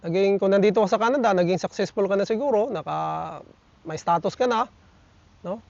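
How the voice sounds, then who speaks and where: A man's voice: high-pitched, fairly quick, vocal fry, a little mellow, no room sound, lo-fi sound. A man vlogging outdoors in nature, reading and answering viewer comments in casual chat, with a chatty manner and frequent tag questions to his viewers. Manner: chatty, peppers lines with tag questions, addresses viewers as buddies.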